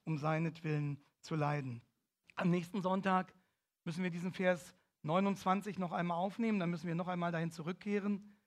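High-voiced preacher with rising emphasis. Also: male voice, steady tone, fairly quick. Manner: emphatic, swelling to loud declamation on key phrases. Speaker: pastor. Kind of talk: sermon.

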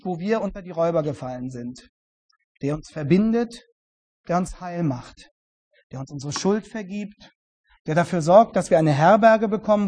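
Guy preaching with a high voice, earnest, goes loud then hushed, repeats words. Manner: earnest preaching, swings between emphatic and hushed; repeats words when stressing a point. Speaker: pastor. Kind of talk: sermon.

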